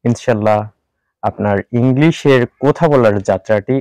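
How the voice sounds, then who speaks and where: A man teaching English pronunciation in Bengali, repeating each sound slowly and mixing in English words. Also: mid-range voice, mellow, smooth, no room sound. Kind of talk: spoken language lesson.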